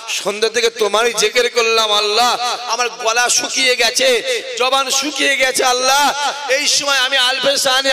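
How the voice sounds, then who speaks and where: A man with a Bengali accent preaching a fiery sermon, shouting and calling on the crowd to answer back. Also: very high voice. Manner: shouting to the crowd, calls for responses. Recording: long hall reverb.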